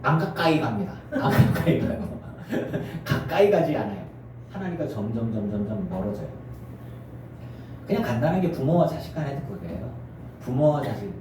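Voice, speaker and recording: A middle-aged male pastor preaching a sermon, animated and acting out family scenes in character voices. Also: mid-range voice, moderate pace, background noise. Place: church sanctuary. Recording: echoey church from far off.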